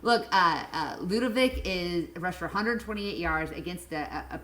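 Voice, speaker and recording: A woman co-hosting a sports podcast, animated and enthusiastic, with frequent ums. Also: fairly low pitch, normal speed. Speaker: podcast co-host. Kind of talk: casual sports podcast chat. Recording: echoey room with faint noise.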